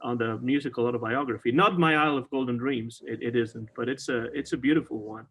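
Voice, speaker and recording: Brisk and a bit bright in a mid-range voice, the middle-aged host chats about old songs on his podcast with frequent fillers and restarts. It's recorded over a video call with slight background noise.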